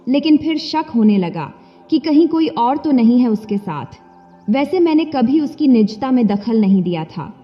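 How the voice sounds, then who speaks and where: A woman narrating a first-person story in a confessional, dramatic way. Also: sits high. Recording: dull lo-fi with long reverb and faint music.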